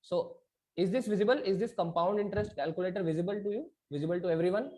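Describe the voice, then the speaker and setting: A fast-talking instructor with an Indian accent and a high, warm voice runs an interactive online class by video, alternating between two languages. He checks understanding often, using tag questions.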